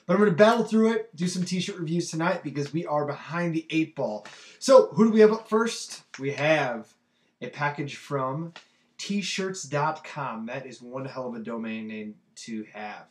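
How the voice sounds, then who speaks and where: A man's voice: on the high side, lively intonation, moderate pace, roomy sound. A young man with a stuffy nose from a cold, chatting casually through a product review with plenty of ums and uhs. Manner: loose and chatty with many ums. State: congested from a cold. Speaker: t-shirt review vlogger.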